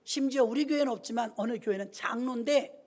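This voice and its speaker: High-voiced woman pastor preaching. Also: fast, a little mellow. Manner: storytelling, acting out quoted dialogue; emphatic, exhorting the congregation. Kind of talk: sermon. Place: church.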